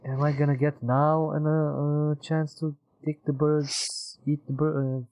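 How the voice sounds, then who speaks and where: A man's voice: fairly high pitch, level tone, measured pace, a little mellow, no echo, low-quality recording. A man streaming a video game in casual chat, swearing often and laughing readily. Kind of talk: casual let's-play chat.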